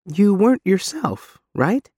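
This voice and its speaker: A man's voice: sits high, sing-song, slow, mellow, breathy edge, no echo, clean studio sound, pitched above the performer's own voice, full character voice. A man voicing a guarded but insistent woman war veteran in an audiobook. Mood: probing. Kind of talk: audiobook character dialogue.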